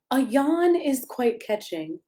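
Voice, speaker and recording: With a high-pitched but dark-toned voice, a woman pastor reads a rhyming picture book to children at bedtime. She performs it expressively and playfully, asking her young listeners questions directly. A little hiss or hum sits under the audio.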